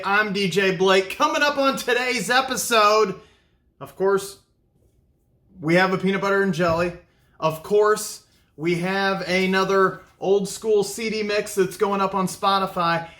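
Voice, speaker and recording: An upbeat man chats casually to his viewers as host of his own vlog, snacking between lines. His voice sits high for a man and rings bright and forceful. The sound bounces around an echoey room. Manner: upbeat, chatty, talks to viewers while snacking.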